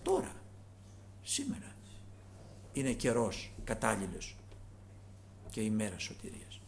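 Preacher guy giving a sermon, really animated, jumps from loud to almost whispering, gravelly high voice. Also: slight background noise. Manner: dramatic, swinging from loud calls to hushed asides.

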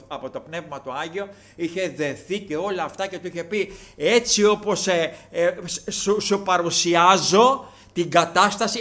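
A man preaching a sermon, addressing his listeners as brothers, rising to loud, impassioned declamation when he quotes scripture. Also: a little high. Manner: frequent fillers and restarts, addresses listeners as brothers.

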